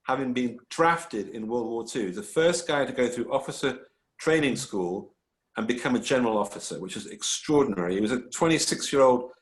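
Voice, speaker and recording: Male author guest, mid pitch, rambling and eager, echoey room. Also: lively intonation, a little fast. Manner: enthusiastic, rambling storyteller with many restarts. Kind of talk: casual panel talk. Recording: roomy echo.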